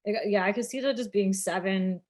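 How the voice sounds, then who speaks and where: A woman co-hosting a casual podcast chat, animated and laughing, with many filler words. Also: medium pitch, a little fast. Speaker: podcast co-host.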